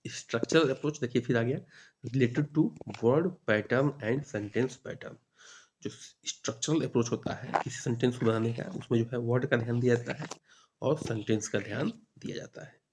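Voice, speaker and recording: A man with a middling pitch runs through exam questions for a teacher-training course. He reads the sentences deliberately, then explains them in Hindi in a steady teaching manner, over a faint hiss of background noise. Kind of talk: exam-prep grammar lesson.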